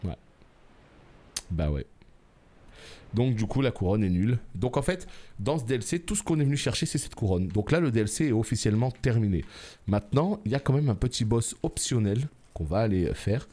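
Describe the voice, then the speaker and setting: A man giving live gameplay commentary, shouting, pleading and joking sarcastically at the boss he fights. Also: medium pitch, brisk. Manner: excitable, yells and pleads at the boss; teasing, sarcastic banter. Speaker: gaming YouTuber.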